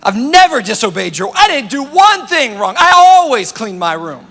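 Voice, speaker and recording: A man's voice: extremely high pitch, sing-song, normal speed, pushed and bright, in a large hall, faint music behind, voice pushed up, exaggerated voice. A man voicing a resentful grown son who complains like a sulky child, acted out in a sermon. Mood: aggrieved. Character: resentful grown older son, whiny and petulant.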